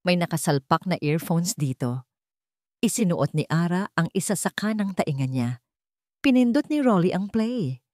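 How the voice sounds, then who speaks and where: Reading a scripted dramatic story as an audiobook narrator, this Filipino-accented woman speaks expressively at a moderate pace. Her slightly mellow voice sits on the low side, captured cleanly in a studio with no room sound.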